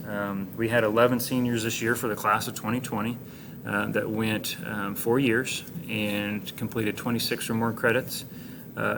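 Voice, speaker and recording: An American man speaking as a high school administrator, giving students informal, encouraging announcements like an orientation leader, with plain, halting phrasing. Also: background noise.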